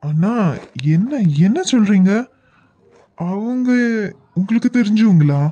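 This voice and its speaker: A man's voice: high-pitched, lively intonation, measured pace, dark tone, husky, dry recording, lo-fi sound, exaggerated voice. A man voicing a worried young colleague in a cartoon, coaxing and placating, with a Kanyakumari Tamil accent. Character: worried young male colleague trying to calm things.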